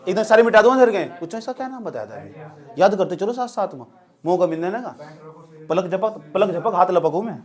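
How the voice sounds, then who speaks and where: A man's voice: high voice, animated, moderate pace. A young man teaching a classroom physics lesson, joking and teasing his students as he explains. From India. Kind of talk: classroom lecture.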